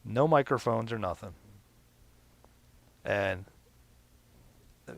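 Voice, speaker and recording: A man's voice: takes it slowly, vocal fry, no room sound. A middle-aged man with a Pennsylvania accent, hosting a podcast and telling a rambling, enthusiastic story. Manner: rambling, enthusiastic, acts out quoted people in a high voice. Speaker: podcast host and league announcer. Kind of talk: casual storytelling.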